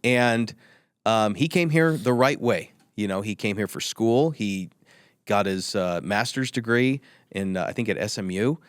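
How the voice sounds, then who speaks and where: A tech company executive, appearing as a guest on an interview podcast, argues his opinions emphatically and keeps repeating himself. His fairly low voice is unhurried and clean, recorded at studio quality with no room sound.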